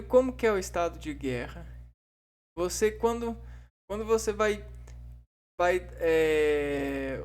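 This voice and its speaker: A vlogger, talking in a casual, reflective monologue that rambles and hesitates, full of tag fillers and acted-out bits of dialogue. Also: medium pitch.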